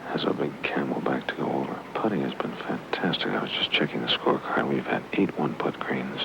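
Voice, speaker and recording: A man giving live golf commentary outdoors in a folksy, conversational way, often hushed near the putt. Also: a bass voice, a little fast, creaky. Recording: dull old broadcast, loud outdoor noise.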